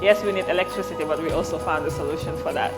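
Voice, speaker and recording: A young woman from Gambia, a company director, giving a relaxed, friendly tour of her office and explaining her work. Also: deep voice, very fast, over music, rough recording. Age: young adult.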